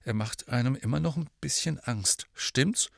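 A man's voice: mid-range voice, normal speed, creaky, no echo, studio quality. A man voicing an anxious, clever teenage girl who speaks nervously. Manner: nervous and soft.

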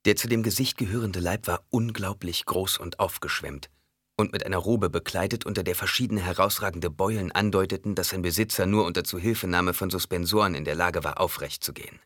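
Man's audiobook narrating, deep, husky, measured, dry sound. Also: a bit bright, no room sound. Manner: measured, dramatic reading.

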